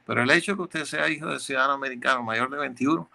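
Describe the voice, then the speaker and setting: Bright, gravelly man explaining law. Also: mid-range voice, rapid-fire. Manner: explanatory, methodical, repeats words while searching. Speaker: immigration lawyer. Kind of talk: answering legal questions.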